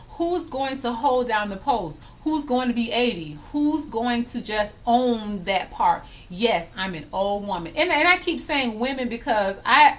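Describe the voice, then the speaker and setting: A woman in her thirties who makes hair vlogs chats casually and emphatically in a casual vlog tag, acting out little scenes as she goes. Her voice is a little high and a bit bright.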